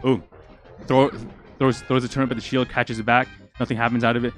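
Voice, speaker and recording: A young man giving live, excitable commentary on a fighting game match, out of breath and stumbling over his words. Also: medium pitch, fairly quick, soft background music. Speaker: esports commentator.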